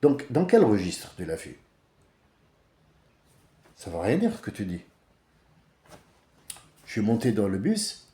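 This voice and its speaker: Rambling man with a lively voice. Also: lowish voice, slow pace, long pauses, echoey room. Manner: rambling, blunt, with many restarts. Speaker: religious commentator. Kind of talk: casual monologue.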